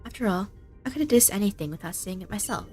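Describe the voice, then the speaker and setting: A woman voicing a calm, formal, all-knowing young woman in a game story. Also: mid-range voice, fast talker, soft background music, natural voice. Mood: composed.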